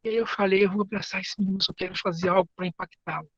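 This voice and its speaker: Um homem com sotaque brasileiro que prega um sermão sincero, conta histórias e repete palavras e frases. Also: male voice, high-pitched, fairly even intonation, quick pace, fairly bright tone, no echo, muffled recording. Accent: Brazilian Portuguese. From Brazil. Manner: earnest, storytelling, repeats words and phrases. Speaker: preacher and teacher. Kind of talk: sermon.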